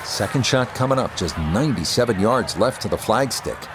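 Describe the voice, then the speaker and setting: A man acting as a golf commentator, calling play in a measured, polished broadcast delivery. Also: fairly low pitch, lively intonation, a crowd in the background, noisy background, natural voice. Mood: measured, encouraging. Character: male TV golf play-by-play announcer.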